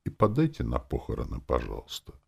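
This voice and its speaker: A man voicing a meek, mournful undead cab driver with a hoarse, nasal voice. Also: rumbling low, huge pitch swings, fairly quick, dark tone, voice pushed down, exaggerated voice. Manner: mournful, servile.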